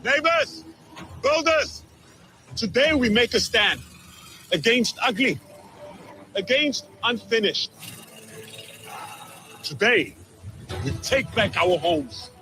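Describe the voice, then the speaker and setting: A man's voice: extremely high pitch, animated, slow pace, pauses often, sharp tone, a little hiss or hum, exaggerated voice, low-quality recording. A man acting as a rousing leader in an advert, giving a fervent, defiant rallying cry like a battle speech. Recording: music behind the voice. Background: music.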